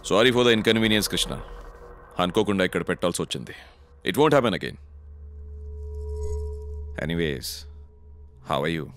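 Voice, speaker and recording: A man's voice: low-pitched, animated, slow, pauses often, noisy background. An actor playing an obsessive, menacing villain who talks in a smug, mocking way and drops English phrases into his speech. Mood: smooth. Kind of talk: film drama acting. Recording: film soundtrack with music behind.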